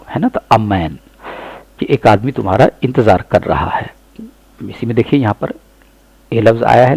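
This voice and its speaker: A man with a low, gravelly and somewhat husky voice and an Urdu accent teaches English pronunciation. He says each example word slowly and deliberately, then repeats it. The recording is close and dry. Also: a little mellow, dry recording, low-quality recording.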